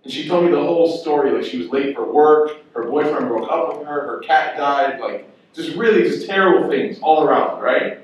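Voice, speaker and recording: A man's voice: on the high side, normal speed, lo-fi sound. A young man, an imam, giving a Friday sermon in a mosque, telling stories and often asking "right?" to the listeners. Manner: storytelling, acts out quoted voices, asks rhetorical "right?". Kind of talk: sermon with storytelling. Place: mosque prayer hall. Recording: very echoey hall, mic at a distance.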